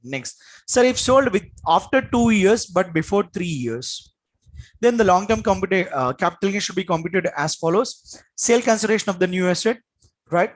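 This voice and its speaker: A man's voice: sits high, lively intonation, moderate pace, low-quality recording. A man with an Indian accent giving a classroom lecture as an exam coach, in an emphatic, repetitive manner with frequent check-in questions.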